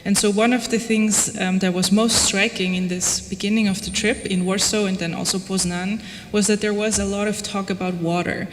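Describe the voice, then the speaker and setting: A woman from Austria gives an informal talk about her own research in a conversational, gently wry style. Her voice rings in a reverberant hall, with some noise in the background. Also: medium pitch, steady tone, moderate pace, hardly any pauses. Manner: conversational, wry, frequent "like" and "you know". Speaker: lecturer presenting own research project. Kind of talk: informal lecture. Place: reverberant lecture room, before an audience.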